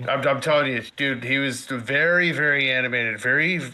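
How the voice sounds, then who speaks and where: A man's voice: medium pitch, sharp tone. A man guesting on a casual live-stream chat, laid-back and chuckling between points.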